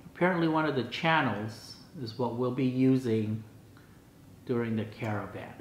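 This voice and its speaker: Speaking at medium pitch and a moderate pace, a sixty-something man vlogs an unboxing from his dining room, chatting casually, thinking aloud, reading parts out and making bemused remarks. The sound comes from a camera placed across the table; it's clean, though the room echoes.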